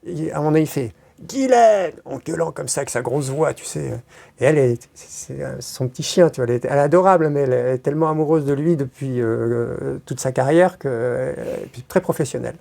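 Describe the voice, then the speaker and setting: A woman's voice: rumbling low, fast, vocal fry, mellow. A woman being interviewed, telling stories in a rambling casual way, with many hesitations and crude slang. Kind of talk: casual storytelling.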